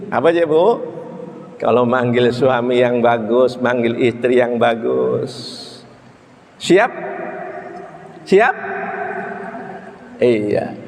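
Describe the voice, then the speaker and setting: Animated preacher man. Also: medium pitch, big-room sound. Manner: animated, acts out husband and wife voices, sings snippets, asks the crowd. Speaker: Islamic preacher. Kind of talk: lively sermon to women.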